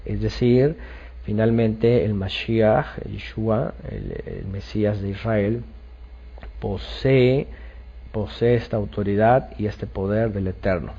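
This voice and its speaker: A man's voice: fairly low pitch, fairly even intonation, takes it slowly, gravelly, mellow, muffled recording. A man giving a bible study lecture, explaining step by step and often checking with "ok?" amid hesitant fillers. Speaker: bible teacher.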